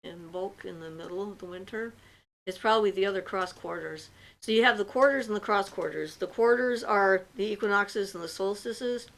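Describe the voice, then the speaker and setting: A woman's voice: mid-range voice, moderate pace, vocal fry, fairly bright tone, low-quality recording. A woman hosting a livestream, reading out viewers' questions and answering them in a loose, chatty way with many fillers. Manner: reads viewer comments aloud, then answers at length with fillers. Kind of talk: casual livestream chat.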